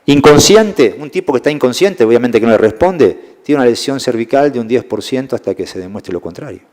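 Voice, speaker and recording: A man's voice: mid-range voice, animated, a little fast, a little mellow. Argentine man lecturing in a reverberant hall. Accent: Rioplatense Spanish. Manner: explanatory, keeps checking in with "¿eh?" and "fíjense". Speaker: sports medicine lecturer. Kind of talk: classroom lecture to young referees.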